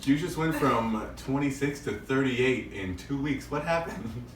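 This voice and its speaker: Lively man, echoey and off-mic. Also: mid-range voice, a little slow, far from the mic. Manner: joking, teasing. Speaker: podcast co-host. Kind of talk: casual chat. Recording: echoey room, off-mic, clear background noise.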